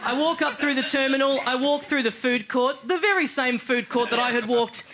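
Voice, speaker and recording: A man with an Australian accent performing a stand-up comedy set on a television stage, telling a story in a deadpan way with sudden shouted bursts. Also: very high voice, moderate pace, a crowd in the background. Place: television studio stage with live audience. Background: audience laughter.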